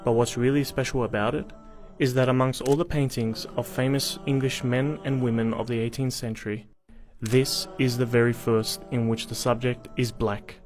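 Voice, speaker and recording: Male narrator of middle pitch, steady measured read, music bed under the voice. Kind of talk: scripted documentary narration. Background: background music.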